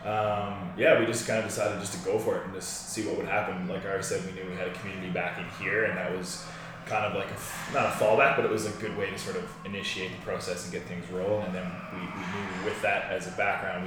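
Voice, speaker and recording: A man's voice: sits low, flat delivery, fast talker. A man, talking conversationally as an interview guest. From Newfoundland, Canada. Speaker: guest, physiotherapist. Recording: echoey, distant mic, noisy room.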